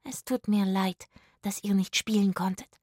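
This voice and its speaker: Erzählerin als freundliches Mädchen Jasmine. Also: female voice, medium pitch, fairly even intonation, measured pace, no echo, clean studio sound, lightly acted. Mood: friendly. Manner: whispering, then bright. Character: kind girl behind a wall, helpful.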